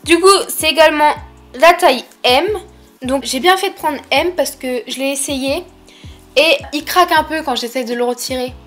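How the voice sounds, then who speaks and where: A woman's voice: high-pitched, normal speed, a bit bright, faint music behind. A young woman with a lisp on her s sounds, chatting casually and informally as she presents a shopping haul.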